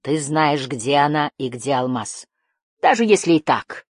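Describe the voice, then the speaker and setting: A woman's voice: low-pitched, expressive, normal speed, husky, no echo. A woman reading the part of a cold, scheming old male guardian who drawls and hisses his words. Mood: menacing. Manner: hissing, drawling, menacing.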